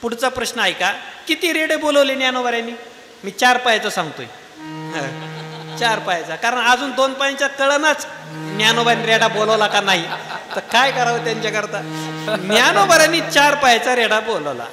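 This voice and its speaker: A man with a very high voice preaches a devotional sermon in a big hall. He keeps quizzing his listeners with rhetorical questions, and the long echo rings behind him over instrumental music. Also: lively intonation, moderate pace. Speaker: kirtan preacher. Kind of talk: devotional sermon with sung verses.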